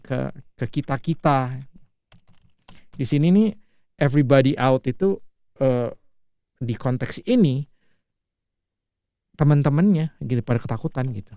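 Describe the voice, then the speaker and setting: A man's voice: mid-range voice, measured pace, pauses often, warm tone, smooth, dry recording. Man teaching in a dry, close voice. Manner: repeats each line and paraphrases it in slangy terms. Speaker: English teacher. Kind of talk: casual language lesson explaining film lines.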